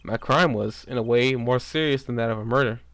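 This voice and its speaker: A man's voice: mid-range voice, fairly quick, fairly bright tone, no echo, lightly acted. A man voicing a remorseful stage magician in a video game, with grandiose, formal phrasing. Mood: confessional. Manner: grandiose, old-fashioned phrasing.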